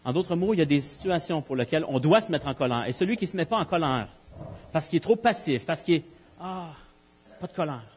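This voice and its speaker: A man's voice: a little high, expressive, a little fast, slight background noise. A man preaching a sermon, emphatic, with rhetorical questions and repeated key phrases. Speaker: pastor. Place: church. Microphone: live-streamed church recording.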